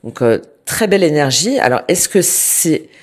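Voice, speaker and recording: A woman with a cold does a tarot reading for viewers in a low-pitched, sing-song voice at a moderate pace. She sounds slightly stuffy and hesitates often, circling back with fillers and restarts, though her tone stays gentle and reassuring.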